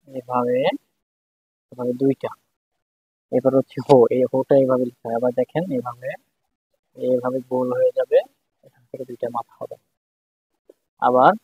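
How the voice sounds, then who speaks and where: Guy teaching kana, says each sound over and over, kinda husky, monotone, thin phone-ish audio. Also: mid-range voice, no echo. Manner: patient, repeats each syllable several times. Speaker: Japanese language teacher. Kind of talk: step-by-step writing lesson. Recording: dry, phone-like tinny sound.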